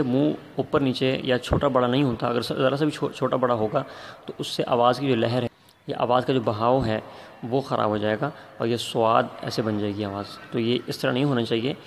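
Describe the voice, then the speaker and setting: A man's voice: mid-range voice, a little hiss or hum. A man teaching Quran recitation, patiently explaining letter sounds and drawing out each letter to demonstrate it. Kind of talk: tajweed lesson.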